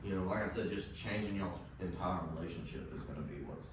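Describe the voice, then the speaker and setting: Talking at a quick pace, a man with a low voice gives casual dog training instruction, sprinkling in "like" and frequent "right?" checks. The mic sits far off in a very echoey room, and there's a faint background noise.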